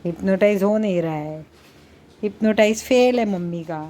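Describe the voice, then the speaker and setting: A middle-aged woman and mother talking through a casual home vlog in a slow, coaxing way, sometimes slipping into doting baby talk. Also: mid-range voice, mellow, a little hiss or hum.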